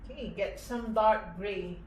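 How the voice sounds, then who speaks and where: Woman, painting tutor, casual and halting, slow delivery, echoey room. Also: medium pitch, slight background noise. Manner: relaxed, halting, thinking aloud while painting. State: breathing heavily. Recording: echoey room with faint ambience.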